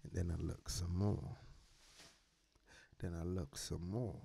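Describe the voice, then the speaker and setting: A man's voice: low voice, fairly even intonation, slow, creaky, dark tone, a little hiss or hum. A man hosting a radio show, telling a personal story in casual talk and acting out the quoted dialogue, swearing freely.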